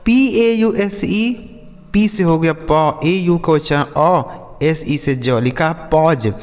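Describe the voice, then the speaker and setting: A man's voice: a little high, slow. A man teaching an English phonics lesson, spelling out letters and then sounding out each word, often asking the viewer questions. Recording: long hall reverb.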